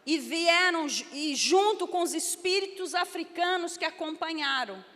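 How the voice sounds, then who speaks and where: A menacing female witch spirit hisses her threats slowly and ominously, as a woman preacher puts her on. The voice is fairly high, and it rings through a big church hall with a long echo. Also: fairly bright tone.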